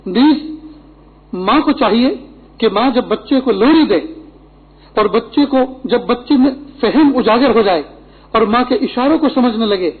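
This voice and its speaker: A man's voice: extremely high pitch, slightly rough. A middle-aged man preaching a Friday sermon, earnest and instructive, with Arabic quotations. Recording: tinny phone-like lo-fi recording.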